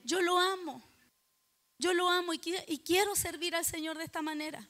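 A Chilean woman preaching a sermon at a church service. She is dramatic, questions the congregation directly, and builds to loud, emphatic exhortation. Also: very high voice, steady tone, normal speed.

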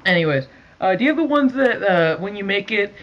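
A man making a prank call over the phone, chatting casually in a halting, repetitive way. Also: high voice, expressive. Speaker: prank caller. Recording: dull lo-fi phone call recording.

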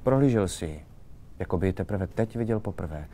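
A man reading a short story aloud in a calm, measured way. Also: sits low, a little hiss or hum. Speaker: reader.

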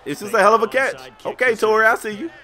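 Speaking fast in a high voice, an American man narrates a sports video game with casual, slang-filled play-by-play. He tells it in an animated, storytelling way.

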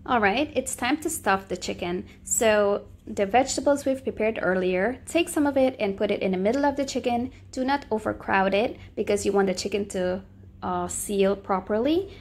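A woman's voice: mid-range voice, moderate pace, darkish tone. A woman hosting a cooking channel, giving friendly step-by-step recipe instructions in a voice-over.

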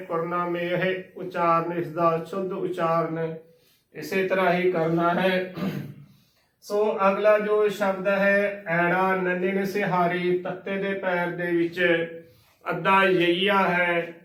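Slow, echoey man teaching. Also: high voice, a bit bright, far from the mic. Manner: spells words letter by letter, repeats correct and wrong forms. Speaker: Gurbani pronunciation teacher. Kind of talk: slow spelling-out pronunciation lesson.

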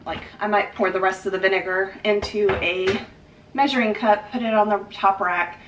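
Cleaning her kitchen on camera, a thirtysomething vlogger thinks aloud, stopping and restarting with plenty of fillers. Her medium-pitched voice keeps a fairly even line at a moderate pace. The camera sits a few feet away, so the audio is distant and roomy, with a noisy background.

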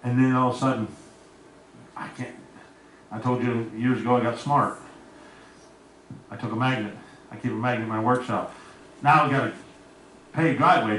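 A man's voice: mid-range voice, fairly quick, pauses often, fairly bright tone, slight background noise. A man preaching a sermon as pastor, telling homespun stories and calling out to members of the congregation by name. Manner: folksy storytelling, talks to congregation members by name. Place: church sanctuary. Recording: echoey room, voice from far off.

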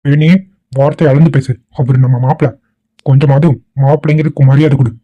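A man's voice: mid-range voice, brisk, lightly acted. A man voicing an easygoing, teasing cartoon dad. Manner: calm, teasing, lecturing. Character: easygoing middle-aged father indulging his son.

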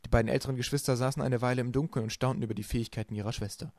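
A man narrating a storybook with a quick, lively delivery. His voice sits in a middle register and the recording is close and dry, with no room sound. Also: medium pitch, dry recording. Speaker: audiobook reader.

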